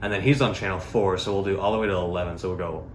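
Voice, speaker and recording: Speaking very fast in a low, steady voice, a male product reviewer gives a loose, unscripted demo packed with filler words. Faint background noise and a roomy echo come through in the recording.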